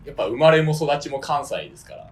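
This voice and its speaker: A man's voice: a little high, animated, quick pace. A man co-hosting a podcast, telling stories in a chatty, laughing way. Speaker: podcast co-host. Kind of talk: casual podcast chat.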